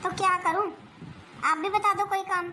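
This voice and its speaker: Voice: very high voice, steady tone, normal speed, sharp tone, a little hiss or hum, full character voice. A performer voicing an older mother-in-law who complains about her aching knees and scolds the household, in a family comedy skit. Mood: complaining. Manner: complaining, self-pitying scolding.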